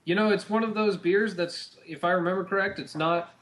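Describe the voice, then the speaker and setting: A man with a slightly high voice co-hosts a relaxed beer-tasting chat. He rambles in an easygoing way and fills his pauses often. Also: noisy background. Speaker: podcast co-host.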